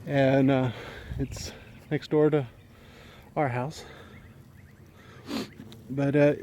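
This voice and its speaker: Speaking extremely slowly in a dark, medium-pitched voice with little pitch movement, the homesteading vlogger ambles around his land chatting easily. He's slightly out of breath, and a faint hiss or hum sits in the recording.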